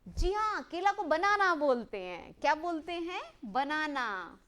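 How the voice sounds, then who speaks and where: A woman leads a lesson for young children, her voice high and swooping widely up and down. She speaks slowly, prompting the class with questions and drawing out key words for them to repeat in call and response. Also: big pitch swings, fairly bright tone. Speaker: teacher.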